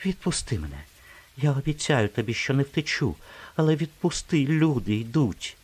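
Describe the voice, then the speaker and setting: A man voicing a proud, sharp-tongued young woman in an audiobook, speaking in a hushed, tense way. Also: mid-range voice, very animated, moderate pace, husky, pitched above the performer's own voice. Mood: hushed pleading.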